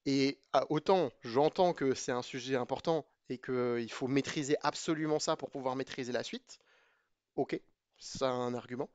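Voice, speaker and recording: A man's voice: mid-range voice, moderate pace, darkish tone, no room sound. A man giving a casual spoken review of programming books to his viewers, chatty and opinionated, hesitating with many fillers and restarts.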